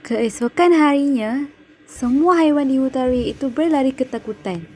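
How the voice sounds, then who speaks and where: A young woman, narrating a puppet show for children in a clear storytelling manner. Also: sits high, moderate pace, background noise. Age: young adult.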